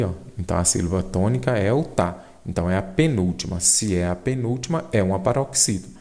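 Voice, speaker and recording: A man's voice: fairly low pitch, a little mellow. A Brazilian man teaching an exam-prep grammar lesson, explaining step by step and checking in with his students.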